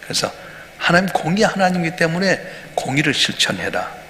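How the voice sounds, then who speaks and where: A man's voice: a little high, sing-song, a little fast, background noise. A male pastor gives an emphatic early-morning sermon, asking his congregation questions as he goes. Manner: emphatic preaching with rhetorical questions. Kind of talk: dawn prayer sermon. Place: church sanctuary. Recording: reverberant church hall, faint ambience.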